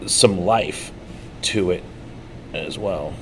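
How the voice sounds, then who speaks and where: Low-voiced man rambling through a tutorial. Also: very slow, background noise. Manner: rambling, storytelling, frequent fillers. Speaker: co-host painting miniatures. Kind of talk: casual painting tutorial chat.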